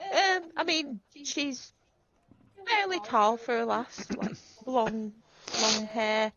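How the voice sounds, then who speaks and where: A woman playing in an online tabletop game, describing her character slowly and hesitantly. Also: fairly high pitch, gravelly, fairly bright tone. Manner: slow, hesitant. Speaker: player. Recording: echoey lo-fi mic.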